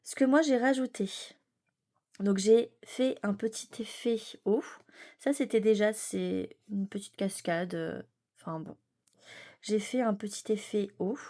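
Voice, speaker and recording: A woman's voice: mid-range voice, a little slow, warm tone. A woman chatting casually and enthusiastically as she shows her coloring work, with many fillers and restarts. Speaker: coloring vlogger. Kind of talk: casual show-and-tell chat.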